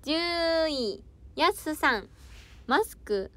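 Drawing out her words in a sing-song, high, fairly bright voice, a young woman idol runs a solo livestream. She plays around with her viewers, reads their comments, giggles, and experiments with foreign words and dialect phrases.

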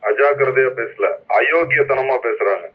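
A man's voice: mid-range voice, moderate pace, husky. A man, a senior police officer, giving stern scolding commands over a police walkie-talkie. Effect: heard over a police walkie-talkie. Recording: muffled police radio recording.

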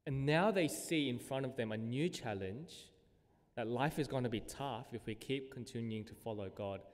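Male pastor, sermon, casual chatty preaching, mid-pitched voice, long church reverb. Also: moderate pace. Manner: conversational preaching with fillers, reads scripture aloud with rising emphasis. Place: church hall.

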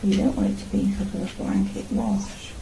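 A gravelly, mid-range female voice with flat delivery comes at normal speed over a noisy background. The speaker is a middle-aged artist and vlogger chatting casually to herself and the camera while painting in her small home studio indoors.

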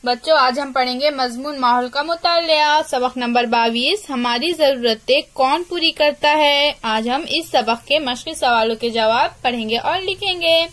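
A woman teacher with an Urdu-speaking Indian accent, reading a school lesson aloud slowly and clearly for young children. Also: high-pitched, a bit bright. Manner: slow, clear dictation to children.

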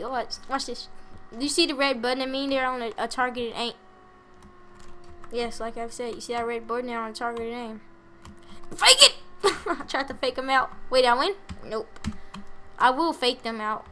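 Chatty high-voiced young woman gaming. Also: a little hiss or hum. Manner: chatty, self-mocking, bursts of loud excitement. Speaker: gameplay commentator. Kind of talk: casual gameplay commentary.

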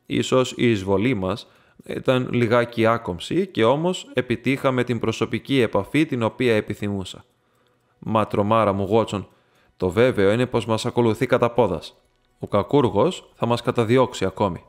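Male narrator as composed detective, measured and dry, storybook. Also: lowish voice, close to an everyday voice. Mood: measured polite. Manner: polite, measured.

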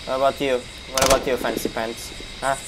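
A man's voice: medium pitch, level tone, fairly quick, very noisy. A young man giving casual gameplay commentary, reacting and swearing as he talks to himself. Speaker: gamer streamer. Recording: game gunfire behind voice. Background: gunshots and game ambience.

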